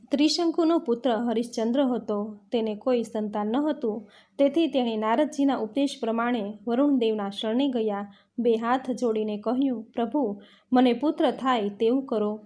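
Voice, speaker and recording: Woman narrating a devotional scripture, mellow voice. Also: fairly high pitch. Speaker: storyteller reading a scripture.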